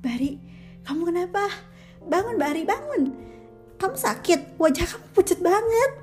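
A scared teenage boy in a spoken story calls out again and again, pleading in a strained, high register, as a woman narrator puts him on. The voice is pitched far above her own, with a mellow, soft edge. A faint musical instrument plays behind. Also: expressive, normal speed, faint music behind. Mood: pleading, anxious. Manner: high pleading calls, repeating his friend's name. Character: panicked teenage schoolboy calling his fallen friend.

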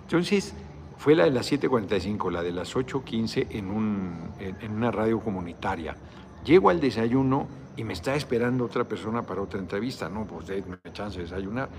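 Tired, gravelly Mexican man chatting live. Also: on the low side, animated, fairly quick, a little mellow, slight background noise. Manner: rambling, salty slang, reads viewer comments aloud. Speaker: politician hosting a live video chat. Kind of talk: casual livestream chat with viewers.

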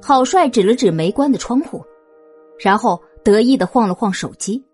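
A woman with a husky voice narrating a suspense audio drama in an expressive storytelling manner. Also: fairly high pitch, moderate pace, faint music behind.

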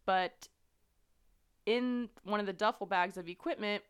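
A woman's voice: medium pitch, unhurried, clean tone. A woman hosting a podcast, casually recounting a true-crime story with plenty of fillers and an earnest tone. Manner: conversational, many fillers, earnest. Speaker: podcast host.

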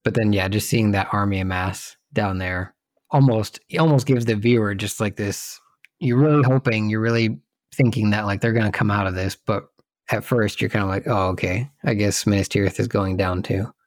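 A man's voice: on the low side, steady tone, normal speed, no room sound, clean studio sound. A man co-hosting a podcast, chatting casually about a film and thinking aloud as he searches for details. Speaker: podcast co-host.

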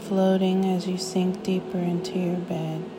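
Slow, soothing woman narrating sleep meditation. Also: fairly low pitch, level tone, noisy background. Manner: soothing, unhurried, with long pauses between short phrases. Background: music.

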